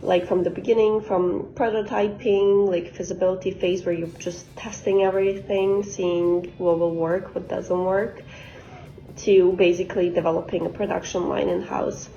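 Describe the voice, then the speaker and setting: A Bosnian woman in her twenties, a quality engineer, gives an informal career talk as a guest speaker, explaining her work conversationally. Her voice is fairly low, level and warm at a moderate pace, recorded dull and lo-fi with slight background noise.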